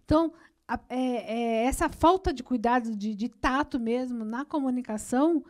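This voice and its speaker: A woman's voice: fairly high pitch, moderate pace, darkish tone. A Brazilian woman hosting a TV talk show, chatting with her guest, agreeing and adding her own remarks. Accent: Brazilian Portuguese. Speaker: TV show host. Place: TV studio.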